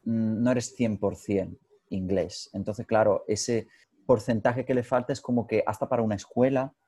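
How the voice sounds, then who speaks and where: A man from Spain interviews a fellow actress in a relaxed conversation. His voice is low and mellow, and he speaks earnestly, in reflective turns. The sound is dry and close. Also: moderate pace, slightly rough, no room sound. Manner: earnest, reflective, asks long questions. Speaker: interviewer, actor.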